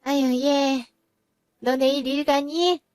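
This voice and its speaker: A woman's voice: sits high, fairly even intonation, slow, darkish tone, no room sound, clean studio sound. A woman voice actor playing a pushy, nagging older mother-in-law in a Korean audio drama. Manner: nagging, bossy.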